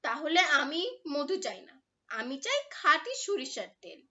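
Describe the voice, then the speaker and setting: A woman's voice: high-pitched, sing-song, a little slow, sharp tone, dull audio, full character voice. A woman voicing a stubborn little child who whines and insists, in a children's storybook reading. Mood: whiny. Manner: whiny, insistent.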